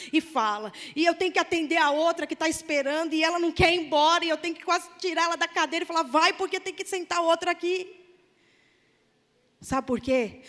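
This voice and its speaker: A woman from Brazil with a São Paulo Portuguese accent, preaching a sermon with personal testimony in a church, moving between hushed storytelling and loud, fervent exclamations. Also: sits high. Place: church sanctuary. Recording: long hall reverb from a church sanctuary.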